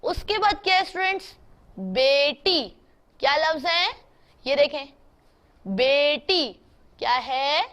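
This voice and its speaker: A woman's voice: high voice, a bit bright. A woman teaching an online handwriting class, patiently spelling out letters one by one and asking her students questions.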